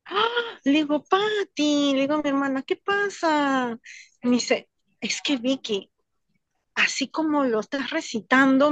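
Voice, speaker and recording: A woman on a video call, telling an anecdote in a casual, animated way and laughing often. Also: a little high, no room sound. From Latin America, immigrant in Switzerland. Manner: animated, laughs often, acts out quoted voices. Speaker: book club participant.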